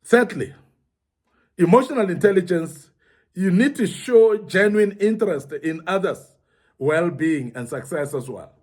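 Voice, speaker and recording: A man's voice: high voice, expressive, a little slow. A middle-aged man giving an earnest motivational teaching talk to young men, repeating points for emphasis. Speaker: speaker at a young men's forum.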